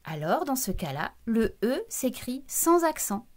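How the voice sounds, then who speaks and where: A woman's voice: on the high side, very animated, a little slow. A woman teacher giving a recorded lesson to young children, patiently breaking words into syllables and speaking to the child directly. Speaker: primary school teacher.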